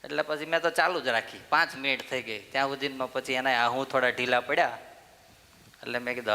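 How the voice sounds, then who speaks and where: A man's voice: medium pitch, pushed and bright. A man giving a temple sermon, telling a story and putting questions to the listeners, then answering them himself. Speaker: swami giving a temple discourse. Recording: long hall reverb.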